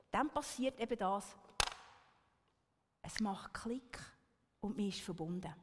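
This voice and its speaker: A woman's voice: a little high, long reverb tail. A woman giving an earnest talk to an audience, often checking in with a questioning "right?". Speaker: speaker.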